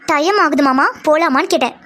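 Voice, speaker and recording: A woman voicing cartoon characters, quick and bickering. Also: high voice, a bit bright, no room sound. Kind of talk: cartoon voice acting.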